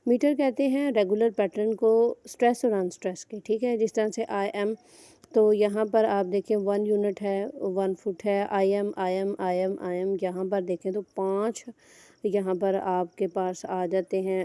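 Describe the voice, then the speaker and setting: Woman literature lecturer, very mellow dark tone, dry close recording. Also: medium pitch, dry recording. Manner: explains in Urdu-Hindi, reads English examples slowly. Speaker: English literature teacher.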